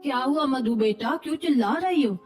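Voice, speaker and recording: A woman's voice: high voice, lively intonation, normal speed, darkish tone, recorded from a distance, faint music behind. A woman voicing a patient elderly grandmother in a cartoon, speaking in a soothing, resigned way.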